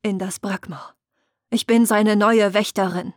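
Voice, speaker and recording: A woman's voice: medium pitch, steady tone, measured pace, no room sound, clean studio sound, close to an everyday voice. A woman voicing a grim, proud young woman warrior who speaks hard and bitter, in an audiobook reading. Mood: threatening. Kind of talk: audiobook character voice.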